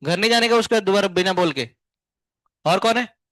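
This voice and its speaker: A male physics teacher giving a live class lecture, firing quick questions at his students and explaining step by step. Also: high voice, fairly bright tone, no echo. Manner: chatty, scolding then explaining, asks students many quick questions; hums tunes to show wave shapes.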